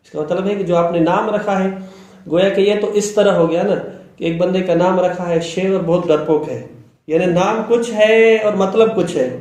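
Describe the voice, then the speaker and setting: Male lecturer, higher voice, patient and repetitive, very roomy classroom sound. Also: a little mellow. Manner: slow, repeats terms, checks students' understanding. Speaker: seminary teacher. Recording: very echoey room.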